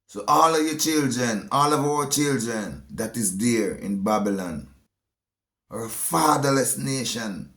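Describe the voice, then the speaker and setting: Slow, preachy Jamaican man in an echoey room. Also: mid-range voice, lively intonation, a bit bright. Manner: slow, emphatic, repeats phrases. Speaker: speaker giving a monologue. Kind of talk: preachy spoken monologue.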